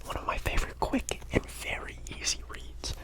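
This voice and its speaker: A fully whispered role-play in a hushed library whisper. Someone acts out an easygoing but slightly pushy librarian recommending books. Phrases are often softly repeated, with no full voice behind them. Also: moderate pace, close to an everyday voice. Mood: hushed, helpful.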